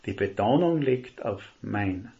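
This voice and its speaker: A man preaching a sermon, earnest and emphatic, slowing down to stress key words. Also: fairly low pitch, animated, creaky, mellow. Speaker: lay preacher. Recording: dull lo-fi recording.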